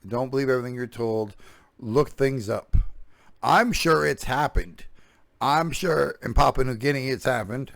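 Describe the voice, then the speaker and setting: Man, reaction commentator, sarcastic, profane, exasperated, average pitch, dry close recording. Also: moderate pace, vocal fry, fairly bright tone, no room sound.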